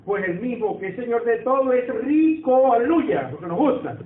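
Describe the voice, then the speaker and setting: A man preaches in a high voice, talking with the congregation and asking them for agreement. The sound is thin and phone-like, with a roomy echo around it. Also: animated, moderate pace. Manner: conversational, asks the congregation for agreement. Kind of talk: sermon. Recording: echoey room over a tinny phone-like line.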